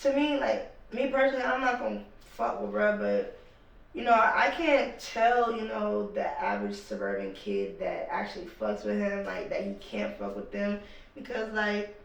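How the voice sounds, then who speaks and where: A rapper guest talking casually and emphatically on a podcast, with lots of slang and cursing. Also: male voice, high-pitched, lively intonation, normal speed, vocal fry, fairly bright tone. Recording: echoey room, mic at a distance.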